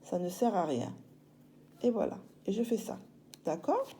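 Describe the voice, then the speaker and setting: A woman's voice: mid-range voice, big pitch swings, dark tone, a little hiss or hum. A woman teacher, patiently walking young children through writing a letter step by step. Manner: slow, patient, step-by-step explaining. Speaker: primary school teacher. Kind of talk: handwriting lesson for children.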